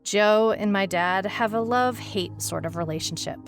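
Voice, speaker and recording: Over faint music, a woman with a mid-range voice lightly acts as a wry, skeptical private detective, the narrator and lead of an audio mystery serial. At normal speed she tells the story in a dry, musing first person, sounding puzzled and uneasy.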